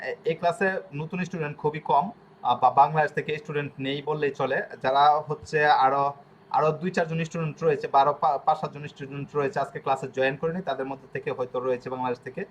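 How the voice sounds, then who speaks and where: A man runs an online language lesson, his voice sitting a little high. He explains patiently and says each letter sound over and over. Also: dull audio. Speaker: language teacher.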